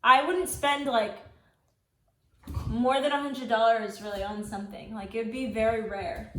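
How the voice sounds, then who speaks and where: Casting: American woman, twenties, higher voice, giggly and tipsy, casual couple's vlog banter in an echoey room. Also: steady tone, moderate pace, a bit bright. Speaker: co-host of a couple's Q&A. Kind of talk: casual chat. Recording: roomy echo, faint background noise.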